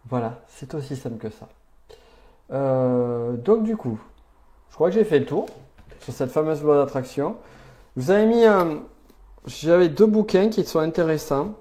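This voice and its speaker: Upbeat man hosting a live stream, mellow voice. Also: on the high side, animated, unhurried, long pauses. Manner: upbeat, chatty, answers live chat comments. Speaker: personal development speaker. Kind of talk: live-stream talk to viewers.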